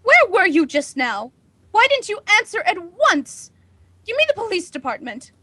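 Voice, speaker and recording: An actress playing a nervous, imperious housewife on edge, in a melodramatic 1940s radio drama style. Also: female voice, very high-pitched, very animated, moderate pace, sharp tone, no room sound, exaggerated voice. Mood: desperate, panicked. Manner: haughty, melodramatic, agitated. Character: nervous, imperious, panicking housewife alone at night.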